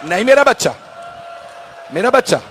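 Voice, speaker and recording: A man's voice: extremely high pitch, big pitch swings, moderate pace, fairly bright tone, a faint crowd, a little hiss or hum. A male cleric reciting a mourning sermon with impassioned emotion, repeatedly calling on the audience to look at him.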